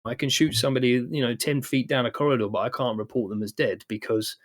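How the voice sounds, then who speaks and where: Fast-talking British man. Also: medium pitch. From United Kingdom. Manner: rambling, many fillers and restarts. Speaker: podcast host. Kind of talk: casual chat.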